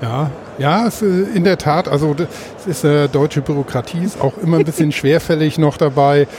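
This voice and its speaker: A man's voice: fairly high pitch, steady tone, brisk, background noise. A man interviewing a guest, asking long questions with hesitant, restarting phrasing. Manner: hesitant, many fillers and restarts while asking.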